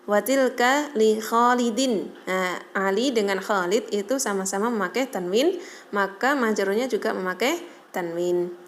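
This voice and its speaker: A woman teaching a recorded Arabic lesson, slowly reading each phrase, translating it and explaining pronunciation with patient check-ins. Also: mid-range voice, a little hiss or hum. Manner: patient, adds "ya" to check understanding.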